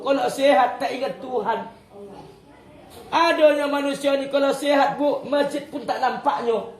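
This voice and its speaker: A man leads a religious study circle for women, telling stories with a chuckle and often correcting himself mid-sentence. His voice sits high, and it rings around an echoey room. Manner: jokey, chuckling storyteller. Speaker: religious teacher.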